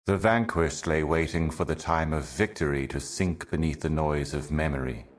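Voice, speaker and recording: With a rumbling low voice, a man plays a weary, solemn, ancient otherworldly envoy eternally serving cosmic darkness in a video game. His cryptic, poetic monologues come out grave, brooding and measured, in a resigned mood.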